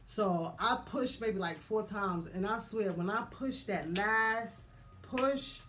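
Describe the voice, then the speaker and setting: A mother telling her birth story in a casual, animated way, acting out voices. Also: mid-range voice, slow pace, a little hiss or hum. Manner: animated, laughing, acts out voices.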